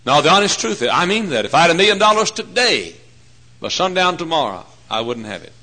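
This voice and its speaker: In a church, a preacher in his forties gives a folksy sermon full of jokes, speaking fairly quickly. His bright, slightly high voice swings widely in pitch, sinking to hushed asides before rising to loud, emphatic points.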